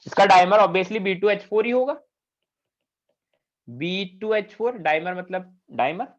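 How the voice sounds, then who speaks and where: A man with a high-pitched, animated voice lectures on chemistry at a slow pace. Teaching in Hindi with English technical terms mixed in, he frequently asks questions to check that students understand. The recording is dull and lo-fi.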